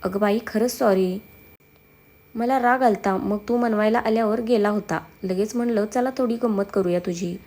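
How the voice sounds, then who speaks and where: Woman reading as a playful young husband, affectionate, teasing, mid-pitch. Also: normal speed, a little mellow, close to an everyday voice. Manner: playful, affectionate, calls wife baby.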